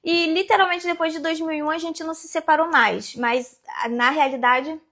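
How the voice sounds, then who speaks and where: High-voiced woman from Rio state. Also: normal speed. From Rio de Janeiro state, Brazil. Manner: lively storyteller who acts out quoted dialogue. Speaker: guest, business owner. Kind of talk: casual interview storytelling.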